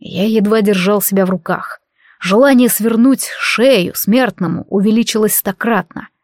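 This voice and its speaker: A woman's voice: mid-range voice, moderate pace, a little mellow, dry recording. Woman narrating an audiobook, dry sound.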